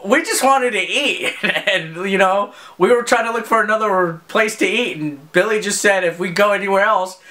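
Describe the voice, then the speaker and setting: A man's voice: sits high, normal speed, hardly any pauses, pushed and bright. A man casually recounting a trip story, amused. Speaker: show regular. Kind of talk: casual chat.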